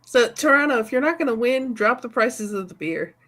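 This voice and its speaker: Higher-voiced woman, casual sports co-host. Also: expressive, fairly quick, fairly bright tone. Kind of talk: casual sports recap chat.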